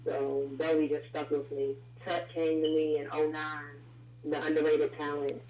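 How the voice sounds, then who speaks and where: A woman's voice: low-pitched, monotone, normal speed. A woman calling in as a guest rapper, heard over a phone line with echo and feedback, talking in a loose, chatty way with lots of fillers. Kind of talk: casual call-in interview. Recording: echoey, dull phone line.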